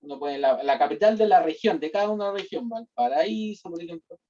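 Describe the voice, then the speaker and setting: A man's voice: high voice, fairly quick, warm tone, a little hiss or hum. A Chilean-accented man explaining a data-modeling class step by step, checking in with listeners after nearly every sentence. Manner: explanatory, with constant "¿ya?" and "¿cierto?" checks. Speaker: university lecturer. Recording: distant, dull lo-fi class recording.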